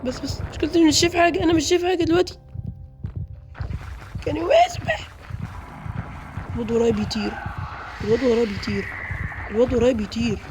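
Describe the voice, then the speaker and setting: A man with an Egyptian Arabic accent giving excitable live gameplay commentary, chattering to viewers. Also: very high voice, quick pace, pauses often, background noise. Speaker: gaming video creator.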